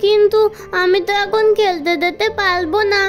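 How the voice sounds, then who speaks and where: A tiny lisping girl, played by a woman in a doll cartoon, with a very high, babyish voice that turns her r's into l's. She begs sweetly for snacks. Faint music plays behind. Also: fairly even intonation, moderate pace. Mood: eager. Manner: babyish lisp, r turned to l. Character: small lisping little girl, greedy for snacks.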